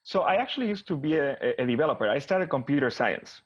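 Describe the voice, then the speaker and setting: A slightly rough-voiced man with an Argentine Spanish accent, working as a business consultant, talks fast and conversationally as an interview guest. His pitch is ordinary but swings widely, and he keeps restarting and repeating words mid-thought. The recording is dry and somewhat muffled, without echo.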